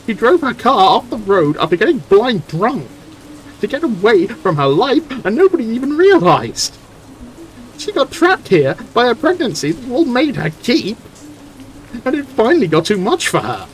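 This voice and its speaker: A man's voice: extremely high pitch, very animated, normal speed, pitched above the performer's own voice. A man reading the lines of a furious, grieving young woman in a point-and-click game. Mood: angry. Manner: heated, indignant reading of game dialogue.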